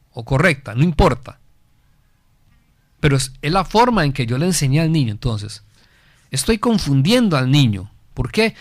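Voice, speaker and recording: A man's voice: a little high, vocal fry, no room sound, studio quality. Earnest man lecturing on parenting. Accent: Costa Rican Spanish. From Costa Rica. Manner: earnest, rhetorical questions, repeats phrases for emphasis. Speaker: host of a family guidance program. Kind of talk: didactic talk on parenting.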